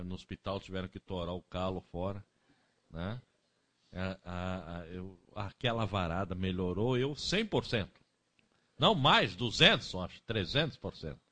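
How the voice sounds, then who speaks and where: A man's voice: fairly low pitch, sharp tone. A man preaching a sermon, telling folksy stories with acted quotes and often adding tag questions.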